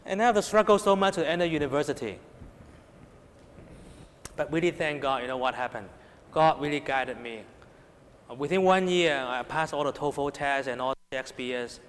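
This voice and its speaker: A man's voice: on the high side, moderate pace, pauses often, fairly bright tone, a little hiss or hum. A man with a Hong Kong Cantonese accent preaching a sermon to young people, emphatic, often raising and dropping his voice and checking in with rhetorical questions. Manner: rhetorical questions, repeated check-ins with listeners. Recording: long hall reverb.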